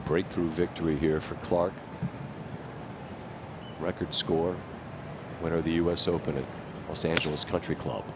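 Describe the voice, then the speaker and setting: A man doing live golf play-by-play commentary in a smooth, measured broadcaster style. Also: rumbling low. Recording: broadcast with steady background noise.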